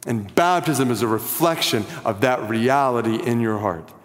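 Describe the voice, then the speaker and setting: Male pastor, earnest sermon delivery, mid-pitched voice, long hall reverb, trailing soft phrase endings. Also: lively intonation, normal speed. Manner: earnest, drops low and quiet at phrase ends, rises in appeals. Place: church sanctuary.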